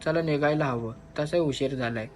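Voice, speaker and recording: A man voicing a calm, mysterious hitchhiker who speaks in an easy, chatty way, in a horror storybook. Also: a little high, brisk, slight background noise, close to an everyday voice.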